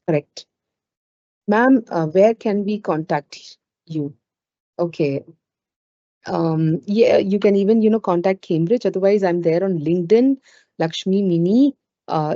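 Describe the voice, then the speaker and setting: A woman's voice: lowish voice, measured pace, warm tone. A woman with an Indian accent giving an informal live webinar as a trainer, speaking conversationally with frequent "you know" asides. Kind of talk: informal live webinar talk with audience questions. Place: indoors on an online webinar call. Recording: roomy, dull lo-fi webinar audio.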